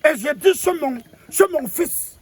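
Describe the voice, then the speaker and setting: A man doing a shrill pompous old elder. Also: animated, a little slow. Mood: sermonizing. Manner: rambling, stammering repeats, sermonizing. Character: pompous old man, self-styled spokesman of ancestors. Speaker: comic figure lecturing on national football. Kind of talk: comedy sketch monologue.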